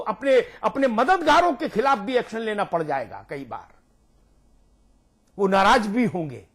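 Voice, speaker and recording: A man speaking as a guest on a TV news debate, emphatic and rhetorical, repeating his points for force. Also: very high-pitched. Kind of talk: heated TV debate argument.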